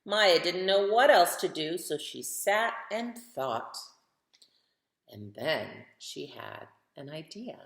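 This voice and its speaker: A woman with a fairly low, gravelly voice reads a children's picture book slowly and expressively, stopping to ask her young audience questions. The read-aloud was captured in an echoing, roomy space.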